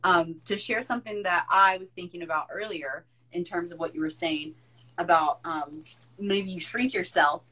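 A woman podcast host who works as a therapist, talking in casual conversation, animated, with many "like"s and swearing for emphasis. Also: lowish voice, moderate pace, low-quality recording.

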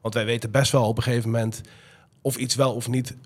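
A man's voice: mid-range voice, little pitch movement, quick pace, husky. Podcast guest, male, congested with a cold, casual discussion, mid-range voice. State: stuffy nose from a cold. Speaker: podcast guest, software test consultant.

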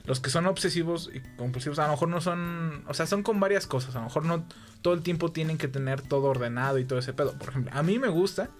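A man's voice: on the high side, fast, faint music behind. A man with a Mexican accent chatting casually as a podcast co-host, rambling and profane with lots of fillers. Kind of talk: casual chat.

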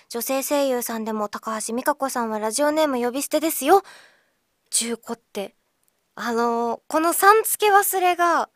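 A woman from Okinawa with a slight Okinawan accent, hosting a radio show in a chatty, playful way, reading listener letters with many filler pauses. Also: fairly high pitch, fairly bright tone, no room sound, studio quality. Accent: slight Okinawan Japanese. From Okinawa, Japan.

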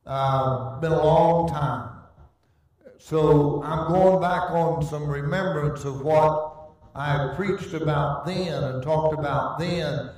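Slow, solemn preacher in an echoing church. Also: male voice, fairly high pitch, a little mellow. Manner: slow, deliberate preaching with pauses; solemn scripture reading in old-fashioned wording. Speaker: pastor. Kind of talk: sermon. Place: church sanctuary. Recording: very echoey, distant church recording.

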